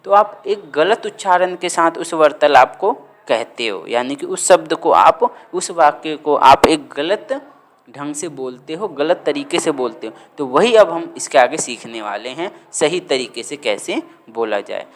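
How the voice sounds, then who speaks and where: A man teaching a grammar lesson, dictating words slowly and repeating them for students to write down. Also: on the high side, animated.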